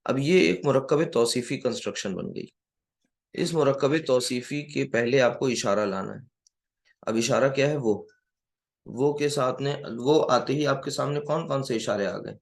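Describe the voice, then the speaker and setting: A man giving a classroom grammar lecture who keeps quizzing his students and slowly repeats key words. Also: medium pitch, gravelly. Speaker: Arabic grammar teacher.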